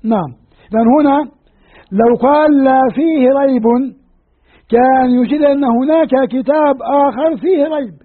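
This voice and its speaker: Man, religious lecture, repeats key phrases, husky voice, tinny lo-fi recording. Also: very high-pitched, normal speed. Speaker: Quran scholar lecturing.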